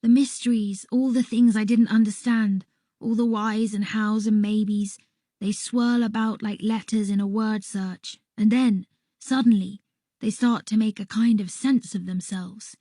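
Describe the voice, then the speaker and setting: A woman reading a first-person children's story aloud in a soft, unhurried voice that sometimes drops to a whisper. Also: mid-range voice, steady tone, no echo, clean studio sound. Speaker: audiobook reader.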